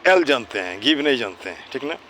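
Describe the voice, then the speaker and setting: Man with a lively, rising and falling voice, teaching children. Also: mid-range voice, a little fast, slight background noise. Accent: Indian English. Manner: asks questions and answers them himself; tags phrases with "है ना". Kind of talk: outdoor English pronunciation lesson with children.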